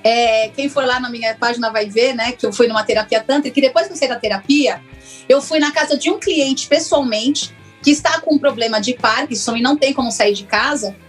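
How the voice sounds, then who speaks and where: A woman, a former lawyer now working as a therapist, telling her personal story in an interview in a reflective, earnest way with many pauses. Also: a little high, breathy edge, soft background music. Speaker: interview guest, former lawyer turned systemic constellation therapist.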